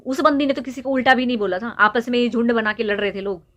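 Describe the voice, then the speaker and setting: Her voice a little high, fast and fairly bright, a young woman YouTube vlogger addresses the camera directly to scold and lecture someone. Throughout this opinion rant she keeps reinforcing her points with rhetorical questions.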